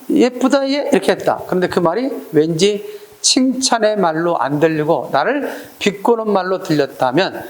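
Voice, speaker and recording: Lively high-voiced male lecturer. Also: reverberant. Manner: questioning, acts out little scenes with quoted voices. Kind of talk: exam-prep lecture. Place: lecture room.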